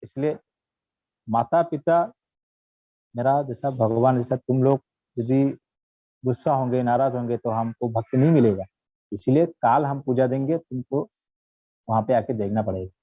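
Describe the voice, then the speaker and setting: A man's voice: medium pitch, moderate pace, long pauses, no room sound, lightly acted. A man voicing an earnest young boy who sincerely insists he is telling the truth. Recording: dull, dry recording.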